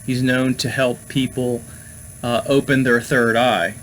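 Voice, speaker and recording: A man hosts a casual talk on occult topics at a middle pitch. He meanders through his points with frequent fillers and restarts. A faint background hum sits under his voice. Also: little pitch movement, a little slow, fairly bright tone, low-quality recording. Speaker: host.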